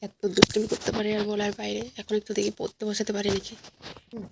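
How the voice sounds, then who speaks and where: A young woman, a vlogger and mother, chats casually at home while coaxing her toddler, talking to viewers between prompts. Her medium-pitched voice is completely flat, quick, and creaky, and the recording is very noisy.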